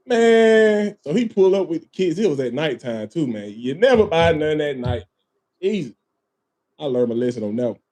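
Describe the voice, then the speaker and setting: A man's voice: fairly high pitch, very animated, moderate pace, darkish tone. A man hosting a casual podcast, telling a long story with lots of swearing, laughter and "man" and "bro" thrown in. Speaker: podcast host.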